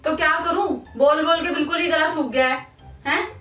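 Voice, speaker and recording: A woman's voice: sits high, fairly even intonation, brisk, sharp tone. A woman scolding her husband in a heated argument, repeating the same short question, recorded in a bedroom at home. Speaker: prank video creator. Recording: echoey room, far from mic, music behind.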